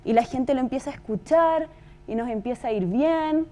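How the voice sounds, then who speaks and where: In a talk as a podcast producer, the Chilean woman tells her story conversationally and informally, leaning on emphatic repetition. Her voice sits high but has a dark tone, and she keeps a moderate pace.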